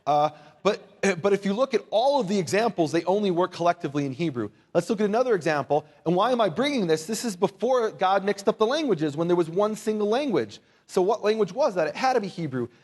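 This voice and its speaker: Speaking fast and very animatedly with few pauses, this high-voiced man, a native English speaker, leads a casual Bible lesson before a live crowd. As a Bible teacher and lecturer, he keeps things conversational with wry humour and rhetorical questions, and gets the audience to repeat words.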